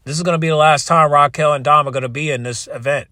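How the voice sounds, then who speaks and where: A man delivering a casual, opinionated rant to viewers as a video creator, exasperated and repetitive, with halting restarts and frequent swearing. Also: fairly high pitch, steady tone, sharp tone, no room sound. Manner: swears freely. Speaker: wrestling commentary video creator.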